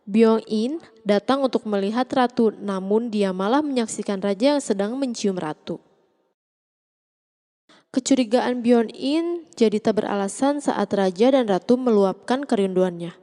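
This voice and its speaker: A woman's voice: a little high, dark tone, long reverb tail. A woman reads a scripted story recap as the narrator. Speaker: narrator recapping a drama series.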